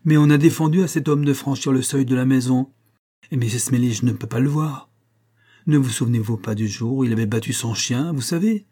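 A man reading an audiobook, voicing a hearty, impulsive young country gentleman devoted to his wife. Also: medium pitch, moderate pace, close to an everyday voice. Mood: agitated.

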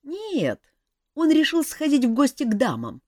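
A woman's voice: sits high, huge pitch swings, measured pace, a little mellow, no room sound, studio quality, voice pushed up, heavily acted. A woman voicing a sighing young elf prince. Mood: plaintive. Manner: plaintive, sighing. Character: young male elf prince, glum and hungover.

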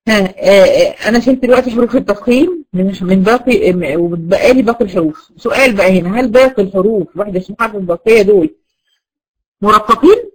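A Quran recitation teacher with an Egyptian Arabic accent talks fast in a mid-range voice while teaching a class of girls. She poses questions, answers them herself, and drills each point over and over. The recording quality is low.

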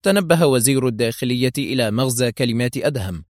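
A man's voice: medium pitch, darkish tone, no room sound, studio quality. Man narrating a novel in formal Arabic. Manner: measured, formal literary reading. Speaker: audiobook narrator.

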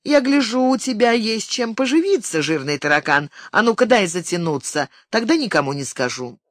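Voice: medium pitch, very animated, moderate pace, no room sound, clean studio sound, pitched above the performer's own voice, natural voice. A reader voicing a teenage girl prankster who teases a boy in an ironic, mocking way. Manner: ironic, teasing.

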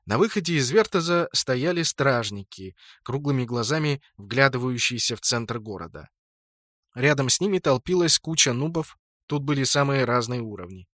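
A man narrating a first-person game adventure audiobook in lively scripted narration. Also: medium pitch, normal speed, dry recording, studio quality.

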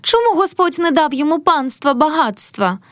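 A woman's voice: high-pitched, sing-song, normal speed, dry recording, clean studio sound, voice pushed up. Woman reading as a tearful young noblewoman. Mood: lamenting. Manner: plaintive, lamenting.

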